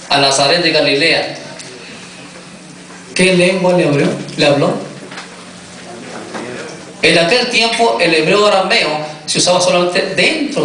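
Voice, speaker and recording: A man's voice: sits high, sharp tone. A male pastor preaching a sermon, often asking his congregation questions as he goes. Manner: questions the congregation, repeats "me entiendes". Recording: echoey hall, distant mic.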